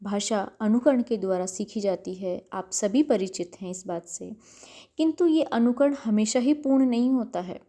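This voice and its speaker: A woman's voice: medium pitch, moderate pace, warm tone. A middle-aged woman lecturer giving a recorded university lecture, explaining carefully and repeating words to show their pronunciation. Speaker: college lecturer.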